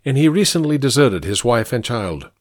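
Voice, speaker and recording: A sharp-witted detective speaks in brisk, clipped phrases, as a male audiobook reader voices him. The tone is cool and dry, with lively rises and falls. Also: medium pitch, no room sound. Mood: cool, terse. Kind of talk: audiobook character voice.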